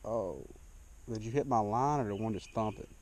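A young man fishing from a small boat on a lake talks in a lowish, darkish voice at normal speed. Captured by an action camera mic, his casual narration is easygoing and full of jokes at his own expense.

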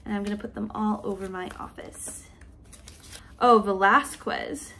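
A woman's voice: mid-range voice, level tone, moderate pace, gravelly, fairly bright tone. A young woman chatting casually as a travel vlogger, giggly and full of fillers, unboxing toys in a hotel room. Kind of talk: casual chat.

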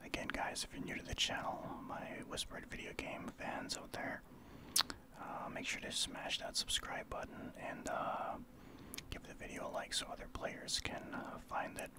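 A man from Saskatchewan, Canada, speaking in a soft breathy whisper as an ASMR streamer, explaining his gameplay in informal gamer talk. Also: normal speed. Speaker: streamer, ASMR channel host.

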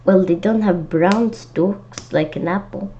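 Reading a kids' storybook aloud at a slow pace, this woman has a medium pitch and a dark tone, and she keeps adding chatty, childlike little comments. The home recording sounds dull and lo-fi, with audible noise.

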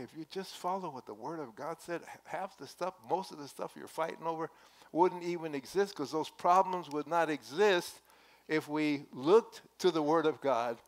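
Older guy pastor giving a sermon in a church, earnest and chatty, headset mic, voice on the higher side. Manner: earnest, conversational preaching with emphatic rises. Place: church sanctuary at a wooden pulpit.

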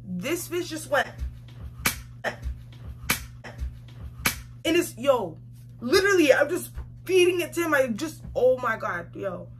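Her high voice has a sing-song lilt, moving slowly with long pauses while music plays in the background. She's a young vlogger seated facing the camera in a small room, recounting a story casually, emphatically, and slangily, repeating phrases for effect, on a clearly noisy home recording.

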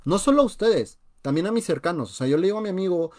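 A young adult man with a Mexican Spanish accent hosts a live-streamed personal finance talk over a webcam from a small room at home, indoors. He's conversational and emphatic, often saying "o sea," and talks fast. His voice sits high, expressive yet dark in tone, captured by a webcam on a video call.

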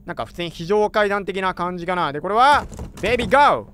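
Male gamer, high bouncy voice, excitable and chatty live reactions. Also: fast, a little hiss or hum. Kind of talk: let's play commentary.

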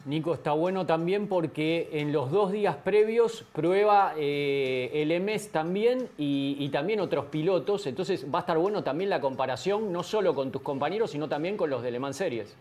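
High-voiced Argentine host steering a chat. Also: male voice, normal speed, hardly any pauses. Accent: Argentine Spanish. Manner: lively, interrupting, steering the talk. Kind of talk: casual interview chat.

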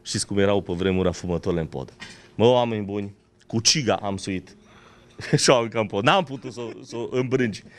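An older man with a western Romanian regional accent, telling a folksy anecdote with animated, dramatic delivery. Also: on the low side. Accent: Banat-Crișana Romanian. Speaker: local storyteller.

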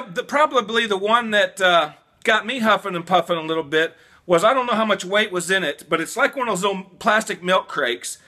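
A man, giving casual trucking advice to camera in an animated way, stopping and restarting often, in a small room at home. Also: high-pitched. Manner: animated, gestures a lot, repeats and restarts. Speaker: vlogger, new truck driver.

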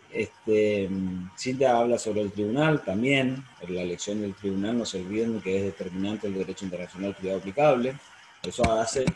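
Argentine law professor, roomy sound. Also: male voice, on the low side, a little mellow. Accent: Argentine Spanish. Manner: explanatory, frequent fillers and self-corrections. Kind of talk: online university lecture. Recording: roomy sound, faint noise.

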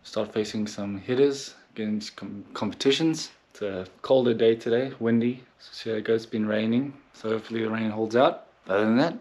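A South African professional baseball pitcher in his thirties, his accent softened, films a casual video diary on a phone held at arm's length in a hotel room and on a city street. His voice is on the low side and fairly quick with few pauses, and his manner is relaxed and matter-of-fact.

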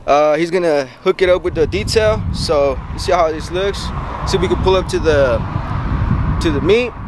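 High-voiced young man vlogging over loud noise. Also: moderate pace. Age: 20s. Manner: slangy, swearing, hesitant with many uh and um. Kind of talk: casual vlog chat. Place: outdoors and inside a moving truck. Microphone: handheld camera at arm's length. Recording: loud vehicle and outdoor noise.

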